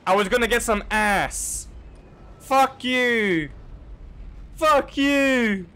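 A man streaming a video game, giving casual, crude commentary with goofy loud outbursts. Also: extremely high pitch, very slow.

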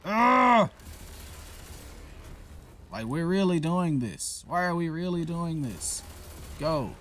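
Over loud game music and slight background noise, a gaming channel host speaks slowly in a fairly high voice with big pitch swings. He casually comments on gameplay, talking to enemies directly and trash-talking them with heavy swearing.

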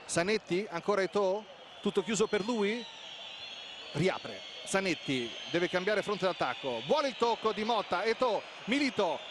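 A high-voiced male football commentator calls the action in urgent, clipped bursts that build toward excited goal calls. His voice rides over very loud stadium noise. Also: unhurried. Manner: urgent, clipped phrases, names players as play unfolds. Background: stadium crowd noise.

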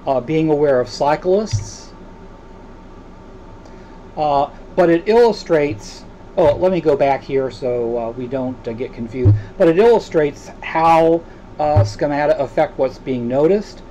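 A man with a slightly high, soft, mellow voice gives a recorded lecture in an unscripted, hesitant way, pausing often with filler sounds as he works through each point. The poor audio has a faint hiss behind him.

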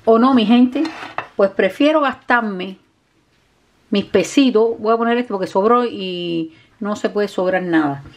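A woman with a Cuban Spanish accent, chatting warmly to her viewers while cooking in her home kitchen, calling them "mi gente". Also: medium pitch, unhurried, slight background noise. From Cuba. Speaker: cooking vlogger. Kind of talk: casual cooking vlog talk to viewers. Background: dishes, pots and pans clattering.

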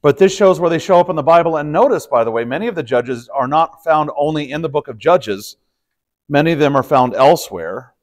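A man's voice: fairly high pitch, animated, fairly quick. Male pastor teaching a casual Bible study. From Texas. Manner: conversational, explanatory, with frequent fillers and restarts. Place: church study room.

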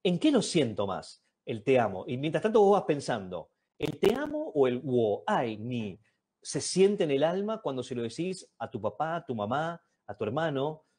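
Animated Argentine host with a husky voice. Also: male voice, mid-range voice. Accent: Argentine Spanish. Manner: animated, theatrical emphasis, slowing on key words. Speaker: interview host. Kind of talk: live-stream interview. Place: small home room indoors. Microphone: webcam mic on a video call.

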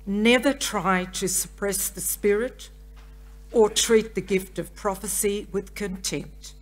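A woman's voice: mid-range voice, steady tone, slow. An older woman reading scripture as a lay reader at a church lectern. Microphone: gooseneck lectern microphone.

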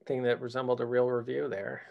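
Gravelly voiced guy, mid pitch, hesitant with lots of ums, podcast chat. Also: completely flat delivery, lo-fi sound. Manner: halting, full of fillers. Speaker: podcast co-host. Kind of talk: casual film discussion.

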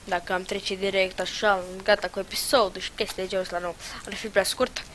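A young woman talks over her own gameplay at a middle pitch, swinging between loud outbursts and muttered asides. A faint hiss sits under her voice. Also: flat delivery, low-quality recording. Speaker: gaming channel host. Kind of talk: casual gameplay commentary.

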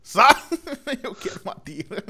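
A man's voice: sits high, very animated, slow pace, bright, forceful tone, a little hiss or hum. A young Brazilian man with a Brazilian Portuguese accent, teasing his friends during casual gameplay banter. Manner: teasing, mock-indignant, laughing. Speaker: gaming youtuber.

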